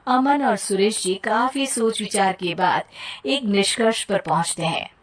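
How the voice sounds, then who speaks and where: A woman narrating a cartoon moral story in a plain, even storytelling manner. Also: mid-range voice, measured pace.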